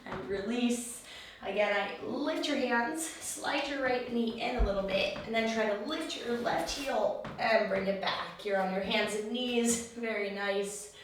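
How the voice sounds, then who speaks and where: A woman teaching a yoga class, giving step-by-step pose instructions in a calm, soothing, encouraging way. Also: fairly high pitch, measured pace, few pauses. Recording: very echoey room, far mic, faint noise.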